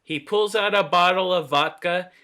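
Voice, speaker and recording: In an informal read-through, a man with a high, sharp, clean voice reads script narration and dialogue aloud at normal speed, occasionally slipping and stumbling.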